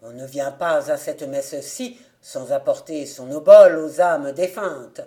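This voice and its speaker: A woman reads as a grim church beadle, a man who bellows his alms plea in a long, mournful drawl. The voice sits low and crawls, heavy and dark. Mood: harsh. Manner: lamenting, drawn-out bellowing.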